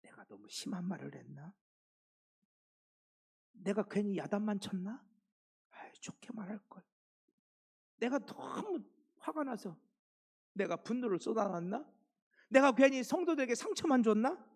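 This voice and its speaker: A man shouting as a furious scolding old apostle. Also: lively intonation, measured pace, gravelly, long pauses, breathy edge, full character voice. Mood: anxious regret. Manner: shouting rebukes at a high strained pitch. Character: stern older male apostle, furious and scolding.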